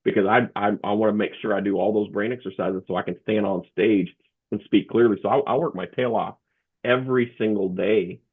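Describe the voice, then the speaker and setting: A man talking as an interview guest, a comedian and motivational speaker, telling his story in a halting way with many restarts over a remote call. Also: fairly low pitch, fairly even intonation, breathy edge. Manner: halting, with frequent restarts and fillers. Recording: tinny phone-like remote line.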